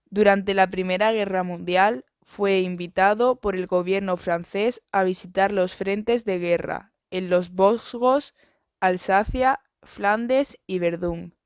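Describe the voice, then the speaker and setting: A woman reading an educational biography and book summaries in a steady, even narration. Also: mid-range voice, slow, smooth, no room sound, studio quality.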